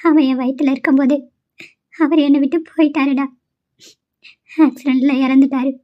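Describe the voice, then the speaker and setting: A gentle young widow and mother in a cartoon, voiced by a woman, soft-spoken and tender, her high voice heavy with quiet grief. The sound is dull and lo-fi, like a simple home recording. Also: fairly even intonation, normal speed, close to an everyday voice. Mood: sorrowful. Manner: soft, affectionate with the child, tearful about her loss. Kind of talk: amateur cartoon voice acting.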